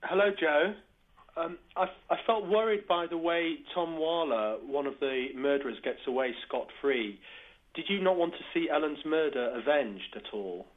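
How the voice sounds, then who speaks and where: A man from England calling in to a radio show with an earnest, slightly halting question. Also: a little high. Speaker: caller. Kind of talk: phoned-in question. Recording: tinny phone line.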